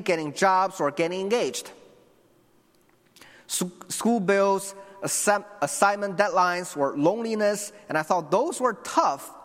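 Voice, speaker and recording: In a big-sounding room, a young Chinese man with a slightly high, somewhat bright voice delivers an earnest sermon. Addressing the congregation directly, he restarts himself and slips in asides to them.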